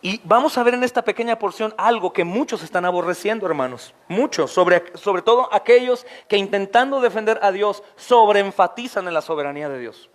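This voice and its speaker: A man over forty delivers an impassioned expository sermon from the pulpit. His voice sits high for a man and climbs higher still on emphatic questions. He keeps turning to his listeners and calling them brothers. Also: animated, brisk, hardly any pauses. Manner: often addresses listeners as brothers. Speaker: pastor.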